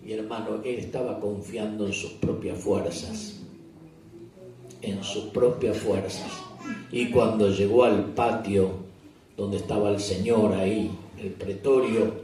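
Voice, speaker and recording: Pastor preaching in an echoey church. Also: male voice, lowish voice, steady tone, slow, mellow, slight background noise. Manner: storytelling, asks the congregation questions. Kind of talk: sermon. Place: church retreat service. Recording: echoey church hall, distant mic.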